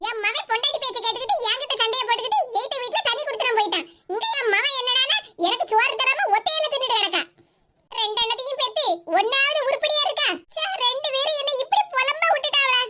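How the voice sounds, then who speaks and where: A woman's voice: very high-pitched, fast talker. A woman voicing a bitter, self-pitying old village mother in a cartoon who scolds her daughter with sarcasm. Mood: grumbling. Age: older. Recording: loud background noise.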